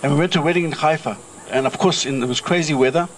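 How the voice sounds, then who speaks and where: A middle-aged South African man who chairs a kibbutz gives a chatty, anecdotal speech to an outdoor reunion crowd, restarting often with fillers. His voice is fairly high and very fast, with a little hiss or hum in the audio.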